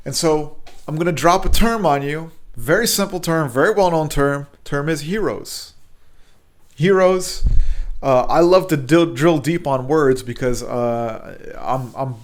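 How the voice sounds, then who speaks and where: A podcast host with a somewhat high voice speaks a little slowly on his motivational show. He is earnest, tends to repeat words and restart sentences, and is bilingual, speaking Hebrew.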